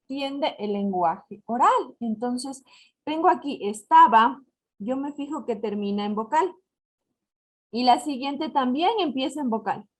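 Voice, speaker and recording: A woman's voice: sits high, a little mellow. Patient, didactic woman teacher, Ecuadorian Spanish. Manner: didactic, slows to spell out examples, asks "¿ya?" to check understanding. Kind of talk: recorded lesson explaining syllable counting.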